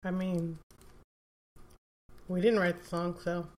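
A woman's voice: on the low side, level tone, slow pace, a little mellow, slight background noise. A woman co-hosting a casual podcast chat, blunt and teasing, brushing things off with dry quips. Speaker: podcast co-host.

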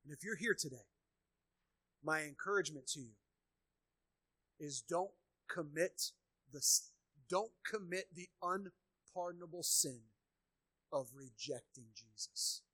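A pastor preaching a sermon, who repeats key phrases and swings between hushed low passages and loud emphatic peaks. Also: male voice, expressive, unhurried, long pauses, husky, no room sound. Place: church sanctuary.

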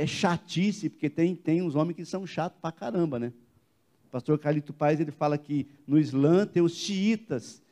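Man, Brazilian Portuguese accent, pastor, emphatic sermon, high voice, rhetorical questions. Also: a little mellow. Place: church service.

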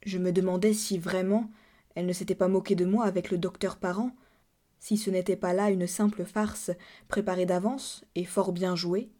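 A woman narrating a classic French story aloud in a measured, subdued and expressive reading. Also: on the low side. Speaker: reader. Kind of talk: literary audiobook narration.

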